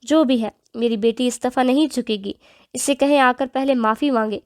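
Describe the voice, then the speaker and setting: A woman's voice: sits high, close to an everyday voice. A woman reading the part of a protective middle-aged mother in an audio novel, reproachful and emotional.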